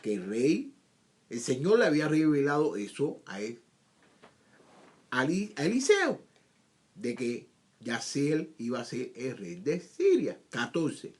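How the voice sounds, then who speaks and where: A man's voice: medium pitch, wildly swooping pitch, unhurried, long pauses, darkish tone. A man teaching scripture, reading verses aloud and explaining them in his own words, often repeating himself and asking rhetorical questions. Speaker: Bible teacher.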